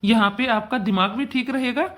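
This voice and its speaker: A woman voicing a weak-willed adult son and father in a cartoon, who talks softly and gives in easily. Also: on the high side, moderate pace, lightly acted. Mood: stern. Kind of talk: cartoon voice acting.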